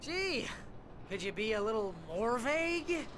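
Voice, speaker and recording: High, panicky sidekick man. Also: big pitch swings, measured pace, heavily acted. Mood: grumbling. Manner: whiny, exclaiming, sarcastic grumbling. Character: panicky, whining male sidekick in a horror game. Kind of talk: video game voice acting. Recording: loud noise of game action.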